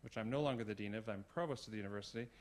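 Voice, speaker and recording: A middle-aged man who serves as a university provost delivers a formal tribute in a concert hall. His voice sits on the low side, and he speaks in a measured way with light humor.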